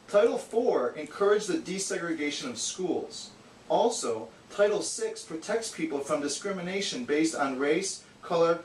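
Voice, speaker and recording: For an amateur educational puppet show, a man with a highish, natural voice plays a bookish, exasperated know-it-all puppet who explains things in a didactic, slightly condescending way. The distant mic captures an echoey room and hissy noise.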